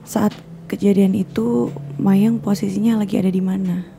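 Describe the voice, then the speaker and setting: A woman hosting an interview podcast, asking gentle questions in a soft, often half-whispered way. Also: medium pitch, fairly even intonation, moderate pace, creaky, slight background noise. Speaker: podcast host. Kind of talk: casual interview.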